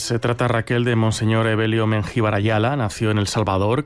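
A man co-hosting a radio news interview, presenting in a clear, scripted way. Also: medium pitch. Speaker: radio co-host.

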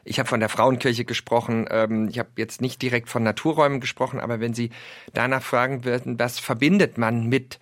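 A man in an earnest discussion, pausing often on fillers and acting out little quotes as he argues. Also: medium pitch, little pitch movement, no echo, clean studio sound. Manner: earnest, many filler pauses, acts out quotes. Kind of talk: conversational discussion.

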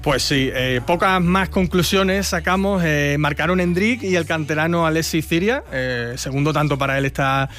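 A male radio sports reporter briefing his host in an easygoing, conversational way, dropping in the odd "pues" and "eh". His voice is a bit higher than average for a man. A faint music bed runs behind him. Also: normal speed, a bit bright.

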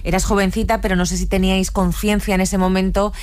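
A woman's voice: medium pitch, level tone, fast talker, a little mellow, no echo. A woman from Spain, hosting a radio interview and prompting her guest with friendly questions. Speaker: radio host.

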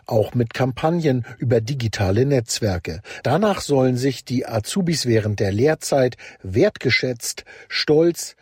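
Male news reporter, husky, dry studio sound, scripted report. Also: medium pitch, animated, unhurried, hardly any pauses, a little mellow, no echo. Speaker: radio reporter.

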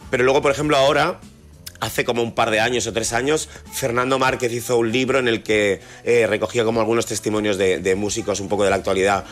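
A man's voice: medium pitch, fairly even intonation, fast talker, fairly bright tone. A man with an accent from Spain, a radio music contributor talking casually in an informal, slangy way. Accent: Spanish from Spain.

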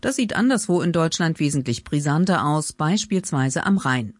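A woman with a lowish voice reads a scripted news report for radio in a measured way. Her voice sounds dry and close. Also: lively intonation, no room sound. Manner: measured, read-out delivery.

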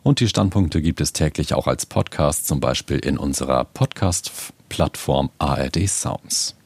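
A man's voice: a bass voice, measured pace, a little mellow, a little hiss or hum. A man presenting a night news program with formal announcing. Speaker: radio news anchor.

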